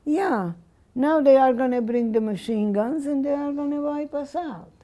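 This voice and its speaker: A woman's voice: high voice, normal speed, mellow, voice pushed up, lightly acted. A woman in her nineties voicing a fellow woman prisoner who speaks bluntly and matter-of-factly. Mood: grim.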